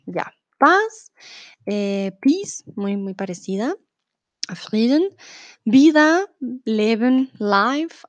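A woman's voice: on the high side, dry recording. A young woman teaching a live online Spanish class, reading out chat comments and explaining patiently, often checking in with her students. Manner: patient, checks in with "¿vale?", switches to English and German. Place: in Mexico.

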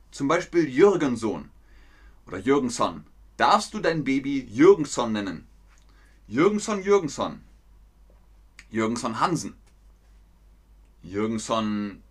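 A man giving a playful live-stream lesson to his chat, speaking slowly and clearly. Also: medium pitch, a bit bright. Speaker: German teacher streaming to chat.

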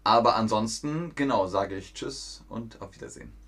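A man's voice: lowish voice, normal speed, fairly bright tone. Man teaching on a live stream. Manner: asks viewers questions and reads out the chat; simple, clear storytelling for learners. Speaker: German teacher streaming a lesson. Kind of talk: live-stream lesson for learners.

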